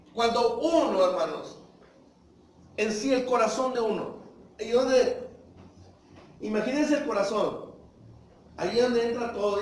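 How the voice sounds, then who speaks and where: A man's voice: high-pitched, a little hiss or hum. A man preaching a sermon, calling his listeners brothers, asking rhetorical questions and acting out little dialogues. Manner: acts out short dialogues in voices. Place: church hall. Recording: echoey hall, voice from far off.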